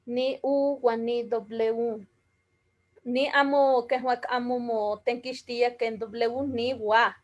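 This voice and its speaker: Woman teacher, high voice, unhurried, breaks words into single sounds for the class. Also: dull audio. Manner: slow, deliberate, spelling out sounds one by one. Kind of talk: explaining a writing system.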